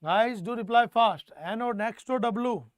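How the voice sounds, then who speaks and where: A man's voice: very high-pitched, measured pace, no room sound. A man with a North Indian accent lecturing an online exam class, repeating phrases for emphasis and prompting students with questions. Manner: mixes Hindi phrases into English. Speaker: teacher.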